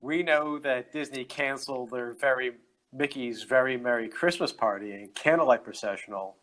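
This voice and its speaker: A man co-hosting a casual podcast, reading out news items in a steady, matter-of-fact way. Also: mid-range voice, moderate pace, soft background music, poor audio. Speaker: podcast co-host.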